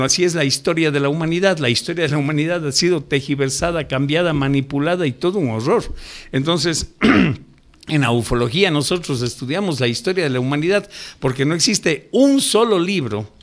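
Older male guest on radio, slightly high voice, emphatic and lecturing, urgent jumps up in pitch. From Ecuador. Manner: emphatic, lecturing, sudden rises for stress. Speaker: ufologist guest. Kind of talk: radio interview, impassioned explaining.

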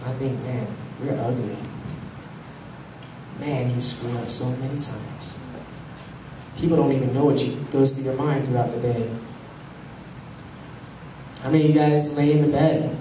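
A young man preaching a sermon on a handheld mic, animated, swinging from loud to hushed. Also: medium pitch, a little slow, pauses often. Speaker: pastor. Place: large church hall with stage. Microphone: handheld mic, filmed from the pews. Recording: echoey hall, far camera, faint hum.

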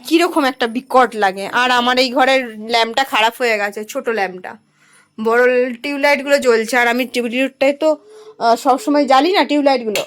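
A woman in her thirties with a Bengali accent, chatting casually in a home vlog about her evening. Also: high-pitched. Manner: chatty, drawn-out, softly spoken at times. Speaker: vlogger. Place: home at night.

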